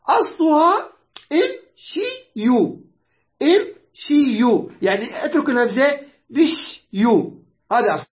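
A teacher with an Iraqi Arabic accent explaining grammar patiently, repeating words slowly, spelling out letters and often checking that students follow. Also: sits high, dull audio. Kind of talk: online grammar lesson.

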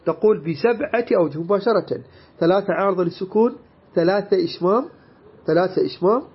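A man teaching Quran recitation rules, slowly drawing out each example word and then correcting it, with many pauses to hesitate. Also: high voice, slightly rough, dull audio. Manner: many hesitation sounds between points. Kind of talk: tajwid lesson with recited examples.

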